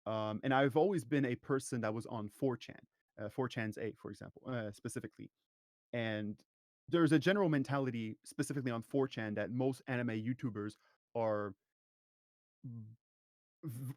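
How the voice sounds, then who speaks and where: A man's voice: medium pitch, no room sound, clean studio sound. A man guest on a podcast, talking thoughtfully and at length, often restarting his sentences. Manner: long-winded, thoughtful, frequent restarts. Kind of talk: casual podcast conversation.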